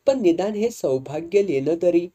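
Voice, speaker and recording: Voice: mid-range voice, expressive, moderate pace, mellow, highs cut off, lightly acted. A storyteller voicing a humble, remorseful woman who pleads tearfully. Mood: pleading.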